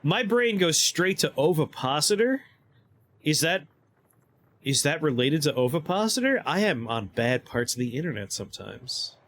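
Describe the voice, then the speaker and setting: A man streaming a video game, chatting casually and excitably with his audience, laughing often and reading the game's text aloud. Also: a little high, normal speed.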